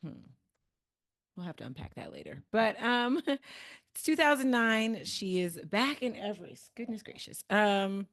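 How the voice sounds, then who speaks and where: A woman with an American Midwest accent co-hosts a podcast, casually chatting about a book, laughing often and using lots of fillers. Her mid-range voice is sing-song, fairly bright and a little slow.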